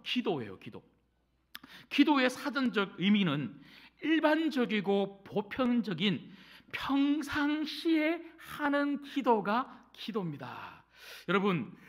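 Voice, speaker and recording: A middle-aged male pastor preaching a sermon in a church, telling a personal story and speaking straight to the congregation. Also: high voice. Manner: animated storytelling, addresses congregation directly. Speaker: senior pastor. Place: church sanctuary.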